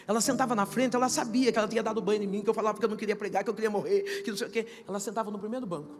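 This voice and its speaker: A middle-aged woman pastor with a Brazilian accent gives a testimony sermon, moving from hushed storytelling to shouted, half-sung preaching. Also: mid-range voice, fairly even intonation, very fast. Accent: Brazilian Portuguese. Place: large church hall. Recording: church hall reverb with music behind.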